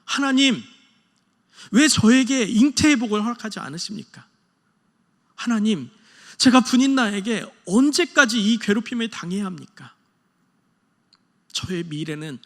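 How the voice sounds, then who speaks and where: Male preacher reading as anguished barren woman praying, raised pleading voice, gravelly edge, long church reverb. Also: sits high, animated, unhurried, pauses often, pitched above the performer's own voice. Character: anguished childless woman crying out in prayer.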